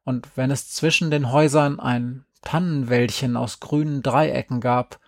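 A man reading a story aloud in a calm, even storytelling manner. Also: medium pitch, unhurried, no room sound, clean studio sound. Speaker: narrator. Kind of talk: audiobook narration.

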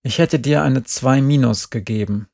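A calm, fair-minded mother in a storybook, voiced by a man reading aloud. She reasons gently and steadily, in a slightly gravelly, close, dry voice. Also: mid-range voice, moderate pace, no room sound. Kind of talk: scripted narration.

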